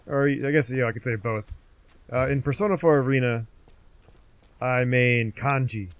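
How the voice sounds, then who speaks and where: A man's voice: mid-range voice, a little fast. A man streaming a game live, rambling in casual commentary and talking back at the game and his chat.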